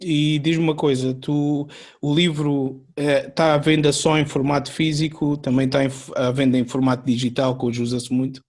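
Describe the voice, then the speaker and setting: A man's voice: mid-range voice, flat delivery, normal speed, a little mellow. A man hosting a podcast interview, asking questions in a conversational tone with a few hesitations. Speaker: podcast host.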